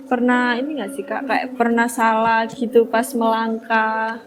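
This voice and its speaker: A young woman with a slightly high voice hosts a casual interview. She asks lively, curious questions in an easy conversational tone. Faint background noise runs under the recording. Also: measured pace. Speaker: interview host.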